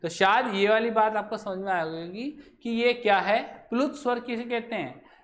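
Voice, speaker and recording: A man's voice: high voice, measured pace, a bit bright. A male teacher explaining a grammar lesson while writing on a board, who asks his students questions and then answers them himself.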